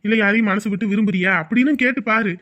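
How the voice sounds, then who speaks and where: A man's voice: high voice, quick pace, bright, forceful tone. An actor playing a middle-aged village elder who gives patient advice and keeps asking if he is understood. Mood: advising. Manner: patient, advising, checks for agreement. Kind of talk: village family drama acting. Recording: dull lo-fi recording.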